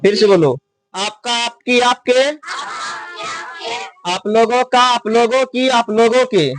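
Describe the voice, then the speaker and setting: A teacher stands before his class and drills them in a slow, repetitive rhythm. He spells words letter by letter and throws questions back at the students for them to answer. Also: very high voice, steady tone, background noise. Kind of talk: classroom lesson.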